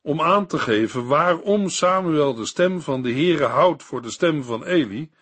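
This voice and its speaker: A man reading a scripted Bible commentary in a measured, didactic way. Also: fairly high pitch, animated, a bit bright, breathy edge. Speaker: Bible teacher.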